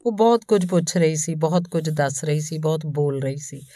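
A woman narrating a story in a calm, even storytelling manner, reading both the man telling it and the woman he meets. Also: low-pitched, moderate pace, no room sound, studio quality. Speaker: audiobook narrator.

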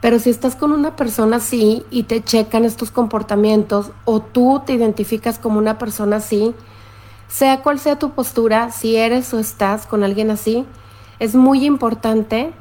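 A middle-aged woman, hosting a live stream as a therapist and explaining things calmly while she greets viewers and reads their comments. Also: on the high side, normal speed.

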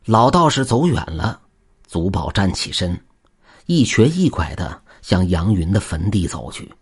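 A male storyteller reading a folk tale with a husky, low-pitched voice. His delivery is expressive, moving from quiet passages to lively ones with a pitch that swings widely. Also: unhurried. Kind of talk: scripted narration of a folk tale.

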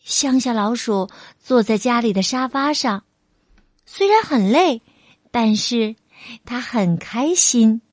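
Slow, gentle female storyteller reading to children; slightly high voice, dry close sound. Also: animated, no room sound. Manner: gentle and unhurried.

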